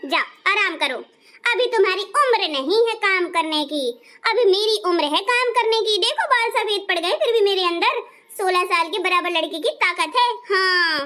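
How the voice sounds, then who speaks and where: Woman as older mother-in-law, bossy and scolding, high bright voice, comic skit. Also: moderate pace. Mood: boastful. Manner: scolding, shouting, insulting.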